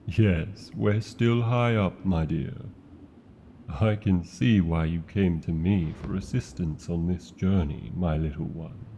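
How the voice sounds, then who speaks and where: In this fantasy ASMR roleplay, a British-accented voice actor plays a protective, affectionate male dragon. He speaks low and slow, with a dark tone, formal phrasing and many loving endearments, over a little hiss or hum.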